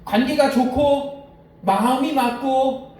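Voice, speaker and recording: Slowly and in an extremely high, slightly mellow voice, a male pastor delivers a conversational, story-driven sermon, sharing tales from home and asking his congregation questions. The church hall sounds echoey through a distant mic.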